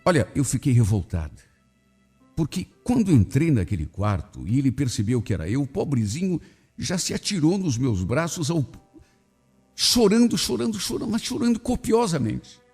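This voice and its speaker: A man's voice: medium pitch, very animated, normal speed, mellow, breathy edge, faint music behind. A man hosting a radio show, reading a listener's story in the first person with emotional, indignant delivery. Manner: emotional, swinging between indignation and pity.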